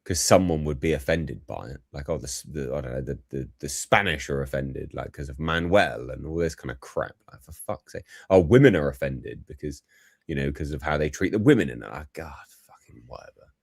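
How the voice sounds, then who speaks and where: A man's voice: a bass voice, lively intonation, fairly quick, creaky, slightly rough, no room sound, clean studio sound. A man co-hosting a casual chat show, laid-back, laughing often and reading viewer comments aloud.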